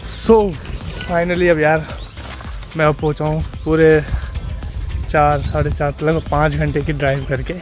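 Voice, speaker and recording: A young man narrating a casual travel vlog on a handheld phone, chatty and excited, talking to his viewers as friends. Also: a little high, unhurried, pauses often, soft background music. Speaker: vlogger.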